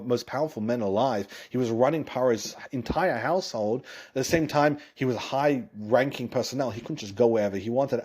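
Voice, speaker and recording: A man, a rabbi, retelling a Torah story in an animated way, often restarting and correcting himself mid-sentence. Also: mid-range voice, slightly rough.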